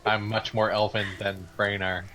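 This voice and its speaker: A man's voice: on the low side, flat delivery, normal speed, pushed and bright, slight background noise, rough recording. A man talking as a player at a tabletop game, casual and joking, with wry, mock-formal wording.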